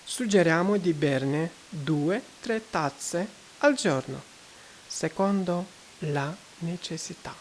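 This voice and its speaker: Her lowish voice comes through a rough recording with slight background noise as this gear reviewer compares test microphones, one a condenser, indoors. Casual and hesitant, she fills her speech with fillers and reads aloud from a book in a halting way for her vlog.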